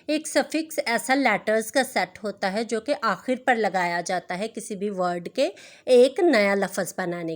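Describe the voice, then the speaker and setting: A woman teacher, slowly and carefully explaining a textbook exercise and reading English sentences aloud to students. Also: fairly high pitch. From Pakistan.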